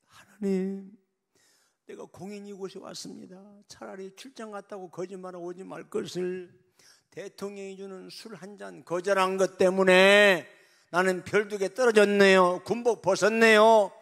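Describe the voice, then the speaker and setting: A man voicing a wronged army general who sobs and cries out to God in a loud, desperate prayer. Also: sits high, little pitch movement, normal speed, gravelly, long reverb tail, pitched above the performer's own voice. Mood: anguished. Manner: wailing, crying, shouting upward in desperate pleading. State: sobbing.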